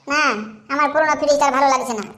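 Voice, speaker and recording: A woman voicing a nagging, quick-tempered young housewife in a cartoon, scolding her husband. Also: high voice, little pitch movement, a bit bright. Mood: complaining. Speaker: wife character. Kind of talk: cartoon voice acting.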